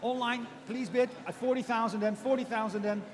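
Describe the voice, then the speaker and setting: Male auctioneer, high voice, chanting numbers and courteous bid prompts at speed; long room reverb. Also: fairly even intonation, music in the background. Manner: rapid, repetitive chanting of figures with polite prompts to bidders. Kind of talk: live auctioneer's bid calling.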